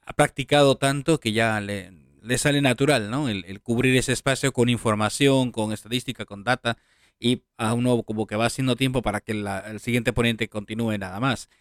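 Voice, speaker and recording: A man's voice: mid-range voice, fairly even intonation, normal speed, no room sound, studio quality. A man hosting a radio interview, rambling a bit as he shares thoughts with his guest. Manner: rambling, many fillers and restarts. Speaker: radio show host. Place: online radio studio.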